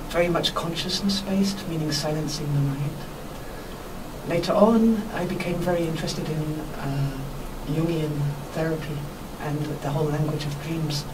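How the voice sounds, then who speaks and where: Woman explaining earnestly over a noisy, distant mic. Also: low voice. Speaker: workshop teacher being interviewed. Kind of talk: radio interview, explanatory spiritual talk.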